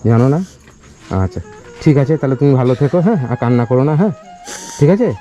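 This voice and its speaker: Man, rapid speech, mellow voice, slightly high, outdoor village interview, faint music. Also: expressive, muffled recording. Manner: fast, coaxing, repeats questions. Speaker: charity vlogger host. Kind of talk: casual on-location interviewing.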